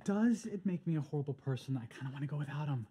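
An actor playing an anxious, guilt-ridden husband in a sitcom. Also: male voice, fairly high pitch, lively intonation, dark tone, slight background noise, close to an everyday voice. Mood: fretful. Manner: fretful, quick. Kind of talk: sitcom acting.

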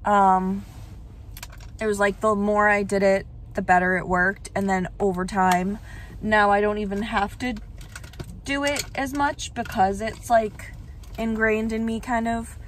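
A woman's voice: medium pitch, steady tone, a little slow, slight background noise. A young woman vlogging casually, chatting with lots of "like" fillers and easy laughs while out running errands. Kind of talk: casual vlog chat. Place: car and errands, in and out of doors.

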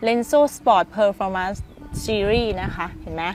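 A woman's voice: medium pitch, drawn-out words, darkish tone, soft background music. A woman presenting car accessories to viewers in a chatty, self-teasing way, talking to them directly. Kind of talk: casual product presentation.

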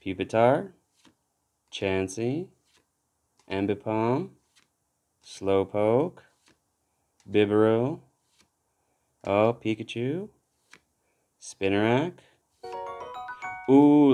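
A man with a lowish voice talks slowly and easily as he works through card packs. His relaxed commentary keeps breaking into excited exclamations whenever a good card turns up. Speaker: card pack opener.

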